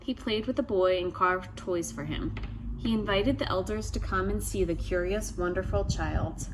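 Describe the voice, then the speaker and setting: A woman with a mid-pitched voice tells a trickster tale from a picture book. She reads it as a storyteller to young listeners, pausing to ask questions and wonder aloud. A faint ambient noise sits behind her voice. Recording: steady background ambient noise.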